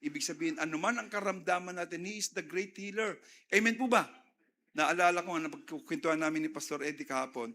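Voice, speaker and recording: This middle-aged Filipino pastor preaches a sermon in a blend of Tagalog and English, tossing call-and-response asides to the congregation. His voice is fairly high, quick and sharp, with a Filipino accent.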